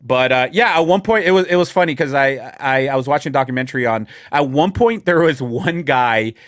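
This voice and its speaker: A man's voice: mid-range voice, expressive, brisk, fairly bright tone, no echo, clean studio sound. A man hosting a podcast in casual chat, rambling and joking with friends. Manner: rambling, laughing, lots of fillers and jokes. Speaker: podcast host.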